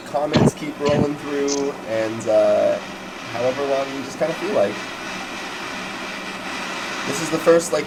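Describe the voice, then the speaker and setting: Heavy background noise surrounds a medium-pitched man of twenty who streams about cannabis from a small indoor room at home. Wearing a video call headset, he chats casually with viewers, rambling, laughing, and frequently starting over.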